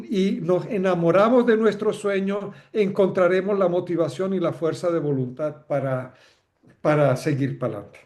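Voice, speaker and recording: A man's voice: high voice, darkish tone. A man giving an online lecture on education, talking conversationally with rhetorical questions and frequent checks for agreement. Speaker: webinar speaker on educational leadership.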